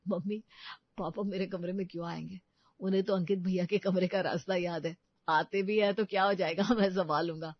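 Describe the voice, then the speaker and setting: A woman's voice: fairly low pitch, steady tone, fairly quick, no room sound, dull audio. A woman voicing a carefree young adult son who talks casually and teasingly.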